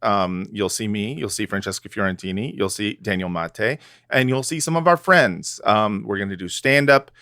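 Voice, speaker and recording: A man's voice: fairly low pitch, normal speed, bright, forceful tone, no room sound, studio quality. A man co-hosting a comedy podcast, rambling and joking with lots of fillers. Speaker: podcast co-host. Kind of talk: casual comedic podcast chat.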